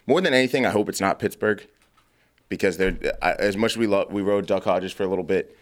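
A man's voice: deep voice, quick pace. A man co-hosting a casual sports podcast, blunt, profane and argumentative, chewing gum as he talks. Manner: chewing gum while talking. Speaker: podcast co-host.

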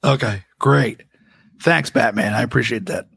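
A man's voice: mid-range voice, unhurried, gravelly, a bit bright, husky, dry recording, clean studio sound. A man hosting a casual podcast chat, chatty and reading out listener comments. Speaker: podcast host.

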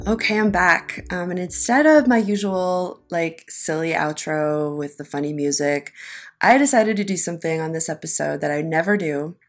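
A woman's voice: sits low, normal speed, faint music behind. Tinny-sounding woman podcast host on a lapel mic. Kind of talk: casual reflective podcast monologue. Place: hotel room.

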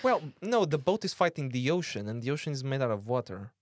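A man's voice: medium pitch, big pitch swings, fast talker, no echo. A young man co-hosting a casual podcast chat, joking, teasing and swearing freely. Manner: jokey, teasing, swears freely, puts on silly voices. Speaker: podcast co-host.

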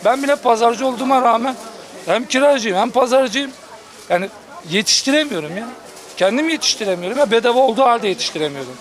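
A man's voice: very high-pitched, expressive, fast. A man selling at an outdoor market, complaining insistently in a street interview. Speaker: market vendor. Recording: music and street market noise behind.

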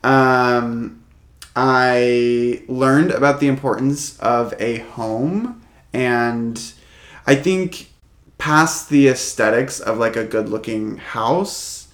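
A man's voice: mid-range voice, drawn-out words, a bit bright. Rambling young man in an echoey room. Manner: rambling, full of fillers and restarts. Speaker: podcast co-host. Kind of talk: casual chat.

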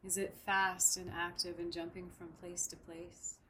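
A woman guiding a breathing meditation in a soft, soothing, unhurried way. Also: on the low side, level tone, slight background noise, low-quality recording. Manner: slow, soft, soothing instruction. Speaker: meditation guide. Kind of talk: guided meditation.

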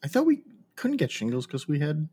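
A man's voice: a little high, huge pitch swings, a little fast, warm tone, breathy edge. A man co-hosting a podcast in casual chat, somewhat hesitant and repeating short phrases. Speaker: podcast co-host.

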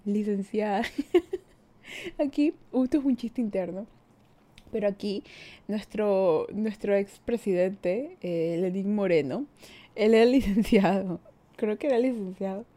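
A woman's voice: mid-range voice, mellow. A young woman in her twenties with an Ecuadorian Spanish accent, chatting casually as a podcast host, reading listener comments and laughing often at herself. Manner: giggly, self-mocking, laughs often.

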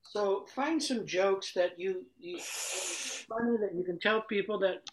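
A person in casual conversation who tells a joke and gives encouraging advice, speaking haltingly with many fillers and restarts. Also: medium pitch, slight background noise, rough recording. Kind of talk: casual chat, joke telling.

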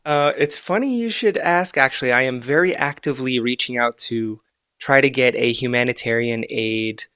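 An easygoing man in his forties, a native Arabic speaker, who answers interview questions with a few relaxed fillers. His voice is smooth and resonant, with a medium pitch. The sound is dry and close. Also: moderate pace, dry recording. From Gaza, Palestine; raised mostly in the United States. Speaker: guest, artist and photographer.

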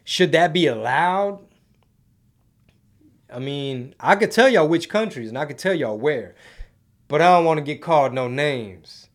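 A man's voice: fairly high pitch, animated, unhurried, pauses often. Male livestream host, casual commentary, slangy and conversational delivery aimed at his audience. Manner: slangy, conversational, rhetorical questions to viewers. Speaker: host of a live commentary show and podcast.

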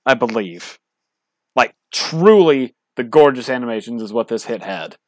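Brief: male host, mid-pitched, dry close-up sound, steers the talk and walks through his picks. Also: expressive, moderate pace, dry recording. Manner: leads the discussion, explains his rankings. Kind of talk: casual podcast chat.

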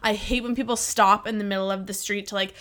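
A woman co-hosting a podcast in casual chat, giggly and quick to laugh. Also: medium pitch, steady tone, a bit bright. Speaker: podcast co-host.

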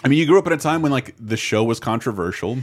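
A man hosting a podcast in casual chat, animated and quick, often laughing and swearing. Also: mid-range voice. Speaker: podcast host.

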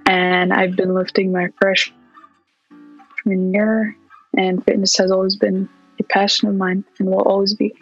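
A young woman from Palestine chats casually as a podcast guest and keeps filling her sentences with "like" and "yeah." Her pitch stays flat and level. The sound is a little dull and very dry, with soft music in the background. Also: a little slow, no room sound. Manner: relaxed, lots of "like" and "yeah". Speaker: podcast guest, fitness coach. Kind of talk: casual interview chat.

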